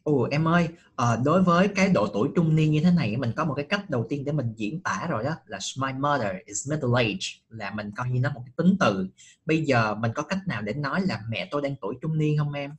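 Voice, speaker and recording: A man's voice: medium pitch, expressive, brisk, slightly rough, muffled recording. A middle-aged man teaching an online English class, patiently checking with students by asking short questions, speaking.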